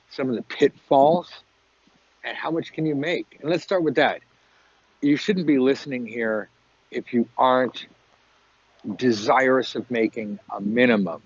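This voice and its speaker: A man's voice: mid-range voice, breathy edge, dry recording. A man hosting a podcast outdoors at a beach, chatting casually in a rambling, joking, informal way with wind on the mic. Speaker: podcast host and tarot teacher. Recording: dull lo-fi audio, wind on mic. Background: wind noise.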